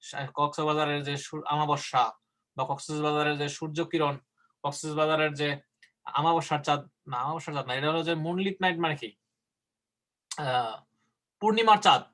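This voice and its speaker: Man, fairly high voice, online lecture, explanatory. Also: bright, forceful tone. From Bangladesh. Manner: explains in Bengali, slowing down to model English sample answers. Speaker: IELTS teacher.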